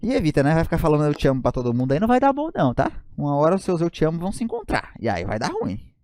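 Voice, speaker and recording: A man's voice: fairly high pitch, wildly swooping pitch, rapid-fire, a little mellow, no echo, studio quality. A man with a Brazilian Portuguese accent teaching an online grammar lesson, joking and often checking in with his students.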